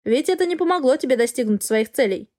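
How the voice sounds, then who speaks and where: Calm dragon lord, male, dry mockery, cool, woman reading it, audiobook. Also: high-pitched, fast. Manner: calm, dryly mocking. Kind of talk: audiobook character voice.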